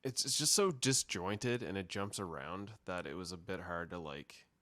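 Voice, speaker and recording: A man's voice: sits low, normal speed, sharp tone. A man hosting a podcast, casually recapping a film in a wry, informal way. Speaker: podcast host.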